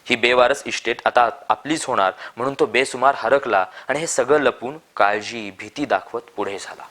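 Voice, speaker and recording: Man calmly reading a story aloud. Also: medium pitch, moderate pace.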